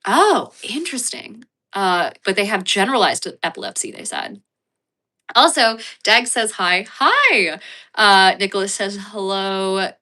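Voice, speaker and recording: Chatting with her viewers on a livestream, this woman from the United States rambles and swears freely, often using fillers and starting over. She has a medium-pitched, bright, forceful voice with big swings in pitch, a slightly slow pace, and a stuffy, sniffly quality.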